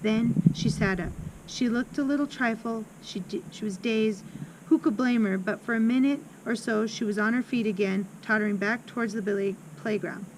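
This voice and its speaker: A woman's voice: a little high, normal speed. Woman reading a children's book aloud. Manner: expressive reading with small slips. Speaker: reader. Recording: loud background noise with passing traffic.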